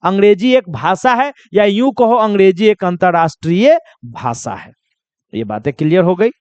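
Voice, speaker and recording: A man's voice: sits high, animated, moderate pace, darkish tone, clean tone, no room sound, lo-fi sound. A man from India teaching a basic language lesson to children, repeating each question and answering it himself. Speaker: English teacher.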